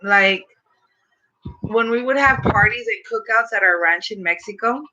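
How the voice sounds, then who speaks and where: A woman's voice: mid-range voice, a little slow, sharp tone. A young adult woman chatting casually in a slangy, profane stoner manner. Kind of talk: casual chat. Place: small dim bedroom indoors. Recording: dull lo-fi room recording.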